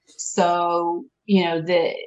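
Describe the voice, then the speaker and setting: A woman's voice: on the low side, level tone, extremely slow, darkish tone, poor audio. A woman co-hosting a casual podcast, talking things through reflectively with many restarts. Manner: reflective, with frequent restarts and fillers. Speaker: podcast co-host.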